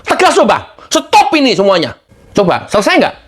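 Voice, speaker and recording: A woman's voice: mid-range voice, huge pitch swings, moderate pace, husky. A woman giving a heated political rant, exasperated and scolding, firing off rhetorical questions.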